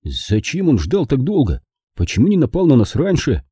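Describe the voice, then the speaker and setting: A man's voice: mid-range voice, huge pitch swings, normal speed, mellow, slightly rough, no room sound, clean studio sound, voice pushed up, full character voice. A man voicing a frightened young man who pleads with his dying uncle in an agitated way. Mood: tense.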